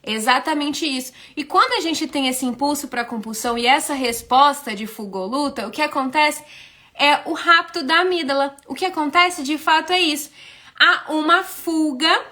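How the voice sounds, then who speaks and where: A woman's voice: sits high, normal speed, bright, forceful tone. A woman with a Brazilian Portuguese accent giving an explanatory live talk over a phone stream. She asks herself rhetorical questions and keeps tagging her points with short checks. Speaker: host explaining compulsive eating. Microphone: phone on a social media live stream.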